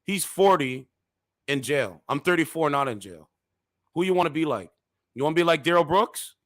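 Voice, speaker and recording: A man in his thirties hosting reaction commentary, lecturing in a heated, preachy way with sudden loud outbursts. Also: on the high side, lively intonation, moderate pace, no room sound, studio quality. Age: 30s. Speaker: commentary channel host.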